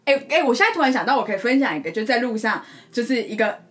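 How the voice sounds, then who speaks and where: A woman, telling stories in a casual podcast chat, animated and laughing often. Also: fairly high pitch, fast talker, soft background music. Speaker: podcast co-host.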